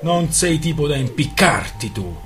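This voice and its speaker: A man voicing a sarcastic young nephew in a read-aloud story, loud and bossy. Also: on the high side, big pitch swings, unhurried, soft background music. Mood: scornful. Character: young nephew, tipsy, mocking and hard.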